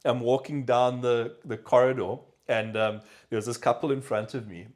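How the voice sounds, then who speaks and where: A South African man hosting a podcast, chatting casually and telling lively stories. He slips into the voices of the people he quotes. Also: medium pitch, moderate pace. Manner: animated storyteller, acts out quoted voices. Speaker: podcast host. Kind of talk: casual chat.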